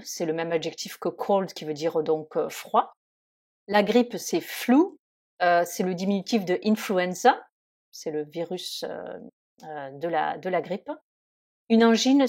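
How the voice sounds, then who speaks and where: A woman teacher walks through a vocabulary lesson at a slow, measured pace. She pronounces each English term carefully, pausing and hesitating as she explains. Her voice sits at a middle pitch. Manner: slow and deliberate, pronouncing English words carefully with pauses and fillers.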